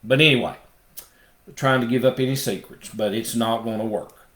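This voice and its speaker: A man's voice: mid-range voice, moderate pace, fairly bright tone, reverberant. A man leading a Bible study, explaining step by step with emphatic asides.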